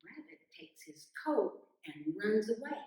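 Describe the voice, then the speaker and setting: A woman telling a folktale as a storyteller, in a slow, lively narrating voice. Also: mid-range voice. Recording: roomy echo, distant mic.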